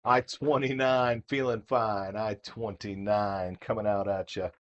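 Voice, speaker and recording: A man working as a bingo caller, announcing numbers playfully with rhymes and drawn-out repeats. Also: fairly low pitch, steady tone, muffled recording. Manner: playful, repeats each call in drawn-out fashion.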